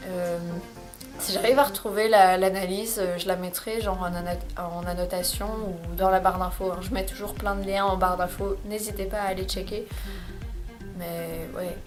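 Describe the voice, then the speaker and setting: A woman's voice: on the low side, fairly even intonation, normal speed, soft background music. Chatty young woman vlogging. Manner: chatty, hesitant, with many fillers and restarts. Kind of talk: casual monthly recommendations vlog. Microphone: camcorder microphone.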